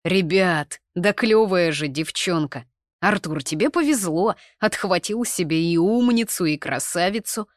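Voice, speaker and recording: A woman's voice: on the low side, measured pace, dry recording, studio quality, lightly acted. A woman voicing a cheerful young man praising a girl at a party. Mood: jovial. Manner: jovial, enthusiastic.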